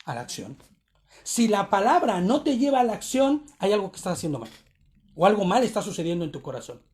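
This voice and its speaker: A man's voice: high-pitched, sing-song, a little fast, darkish tone. A man giving a conversational sermon on a Torah portion to his congregation, often checking in with short tag questions. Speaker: congregation teacher.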